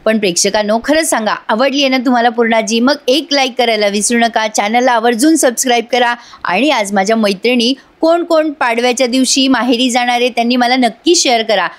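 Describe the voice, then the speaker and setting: A woman's voice: on the high side, brisk, few pauses. A woman giving a chatty voice-over recap of a TV serial, speaking straight to her audience. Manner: chatty, addresses the audience directly. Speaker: TV serial reviewer.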